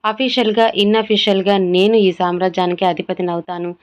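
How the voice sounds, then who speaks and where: A woman's voice: mid-range voice, little pitch movement, fairly quick, muffled recording, lightly acted. A woman voicing a scheming greedy father. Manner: sneering, muttering to himself. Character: scheming greedy middle-aged father plotting inheritance.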